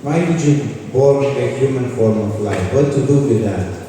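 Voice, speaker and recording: In a big indoor hall with a live audience, a man from Croatia, a kirtan leader and spiritual speaker, talks informally and asks the listeners questions. His mellow, medium-pitched voice moves at a moderate pace; the hall echoes, he is distant from the mic, and there is slight background noise.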